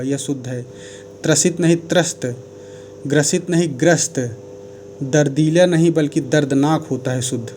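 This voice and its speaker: Man, mellow and fairly high voice, steady teacher correcting sentences, faint noise behind. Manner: methodical, corrects sentences one by one. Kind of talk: grammar lesson.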